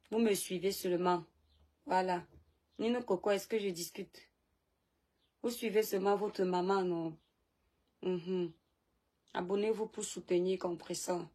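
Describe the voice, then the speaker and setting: A woman's voice: medium pitch, a little mellow, husky. Lady on a phone live stream, chatty, reading out comments and replying. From Cameroon. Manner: chatty, reads viewer comments aloud and answers them. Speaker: live-stream host and seller. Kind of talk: casual live-stream chat.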